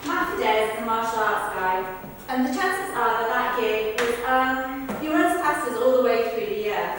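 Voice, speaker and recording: A woman with a slightly high, animated voice and an unhurried delivery rehearses verbatim witness accounts for the stage. She tells them conversationally but with projection, recorded far from the mic in an echoey hall with faint noise.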